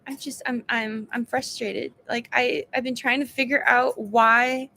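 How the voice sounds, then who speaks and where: A woman's voice: on the high side, fairly even intonation, unhurried, gravelly, sharp tone, slight background noise. A woman in her thirties venting in a personal vlog, exhausted and exasperated, trailing off and restarting as she talks. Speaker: vlogger sharing a health update.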